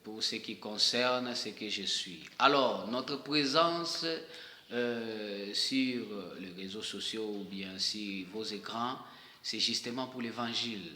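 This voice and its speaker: A man from DR Congo with a Congolese French accent, preaching a sermon to online viewers. He speaks emphatically, repeats key phrases and pauses often. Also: on the low side, bright, forceful tone, slight background noise. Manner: emphatic and repetitive, with hesitant pauses. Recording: echoey room with long reverb.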